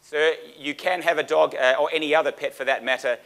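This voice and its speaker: A man's voice: on the high side, fairly even intonation, brisk, fairly bright tone. A man speaking as an auctioneer, with formal, theatrical delivery and dramatic emphasis. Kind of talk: auctioneer's performance: theatrical sales pitch and bid calling.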